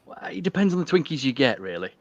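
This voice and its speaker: A man's voice: mid-range voice, sing-song, quick pace, dry recording. A man co-hosting a casual podcast, reading a story aloud with wry asides, giggling and stumbling over words. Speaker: podcast co-host. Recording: dull, dry lo-fi call audio.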